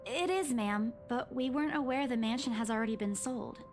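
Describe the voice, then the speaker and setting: A woman's voice: a little high, a little fast, faint music behind, pitched above the performer's own voice, close to an everyday voice. A woman voicing a polite, apologetic female real estate agent in a story, careful and deferential.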